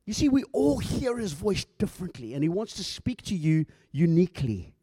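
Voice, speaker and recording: Man preaching a conversational sermon, mellow dry voice. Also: high-pitched, big pitch swings, normal speed, breathy edge, dry recording. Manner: conversational preaching, acts out dialogue, stumbles and repeats words. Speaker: pastor.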